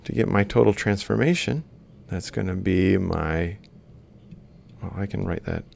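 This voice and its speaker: In a deep, creaky, slightly mellow voice, a university lecturer unhurriedly talks through an instructional screen-capture lecture. He thinks aloud while writing, going step by step and reciting values piece by piece.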